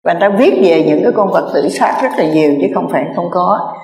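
A woman's voice: on the low side, lively intonation, fast talker, a little mellow. A Buddhist nun giving an earnest dharma talk, repeating key phrases and addressing her listeners directly. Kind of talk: sermon. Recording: echoey reverberant hall.

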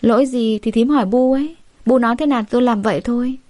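A woman voicing a scheming elder sister-in-law who talks fast in a high, shrill, sneering tone. The voice stays mellow in a dry, close recording. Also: no echo, natural voice.

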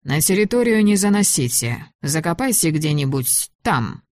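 Female narrator doing a sinister officer, smooth, ironic, commanding, low dry voice. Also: very animated, normal speed, darkish tone, dry recording. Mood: cold mocking. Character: cold, mocking German officer, man, middle-aged.

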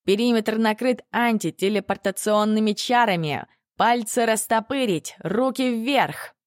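A woman's voice: fairly high pitch, lively intonation, slow, dry recording, clean studio sound, voice pushed up, full character voice. A woman voicing harsh male police officers in an audiobook, barking out commands. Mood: commanding. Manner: barked commands. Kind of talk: audiobook character reading.

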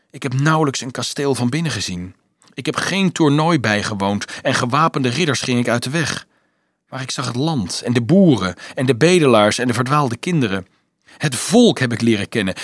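A man's voice: mid-range voice, dry recording, clean studio sound, natural voice. A man reading aloud, voicing an emotional, eager boy from the future.

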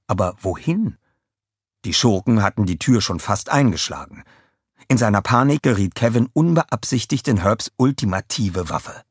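A man reading a children's audiobook aloud with expressive storytelling narration. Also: on the low side, breathy edge, dry recording, studio quality.

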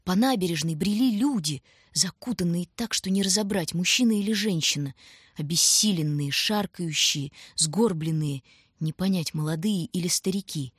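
A woman narrating an audiobook story in a calm, measured way. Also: fairly low pitch, slightly rough, no echo, clean studio sound.

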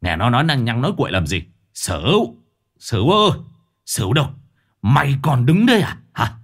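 A man's voice: lowish voice, sing-song, moderate pace. A man voicing an arrogant, hot-tempered middle-aged village chief in a ghost story, barking orders and sneering. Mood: furious, scornful. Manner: shouting, scornful and bullying.

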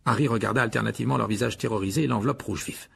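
A man's voice: lowish voice, very fast, creaky, fairly bright tone, a little hiss or hum. A man reading a children's novel aloud as an audiobook narrator, telling the story expressively. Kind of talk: scripted narration.

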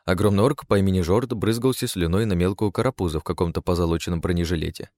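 Male audiobook narrator, low voice, wry, deadpan, dry close sound. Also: quick pace, dry recording. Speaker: audiobook reader. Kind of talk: dark comic fantasy narration.

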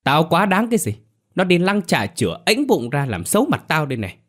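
A man doing a shrill, raging old village mother. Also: sing-song, a little fast, a bit bright. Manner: shrill, scolding, abusive. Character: furious shrewish older village mother.

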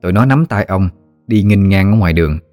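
A man's voice: deep voice, lively intonation, brisk, darkish tone, dry recording, soft background music. A man narrating a story steadily and expressively.

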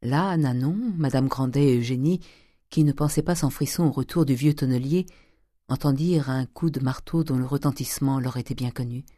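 Measured literary audiobook reader. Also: medium pitch, warm tone, no echo, clean studio sound.

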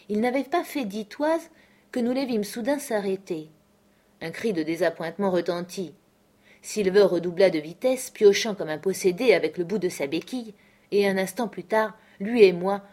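A woman narrating a classic adventure novel aloud in a measured, expressive storytelling voice. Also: mid-range voice. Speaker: audiobook narrator.

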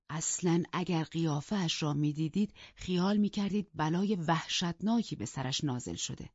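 Low, husky woman narrating an audiobook. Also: a little mellow, dry recording. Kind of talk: scripted first-person audiobook narration. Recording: dull, dry lo-fi studio audio.

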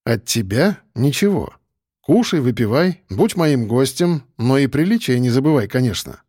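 A man's voice: medium pitch, big pitch swings, moderate pace, darkish tone, husky, no room sound, studio quality. A man reading an audiobook, voicing a drunk, menacing man who barks his threats. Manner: menacing, barking.

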